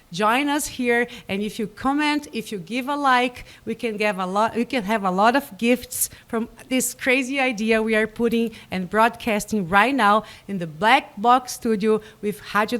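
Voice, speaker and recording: A Brazilian woman whose first language is Portuguese hosts a radio show, chatting casually live in the studio with a Brazilian Portuguese accent. Her slightly high, fairly bright voice sounds eager, enthusiastic and inviting, though a little nervous.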